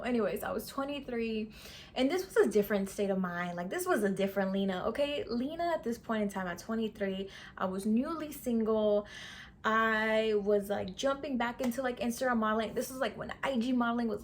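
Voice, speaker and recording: A woman's voice: on the high side, a little hiss or hum. A woman in her twenties telling a storytime vlog in a chatty, sassy way, full of slang. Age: 20s. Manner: chatty, sassy slang, says sis and okay a lot. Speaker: beauty vlogger. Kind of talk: casual storytime.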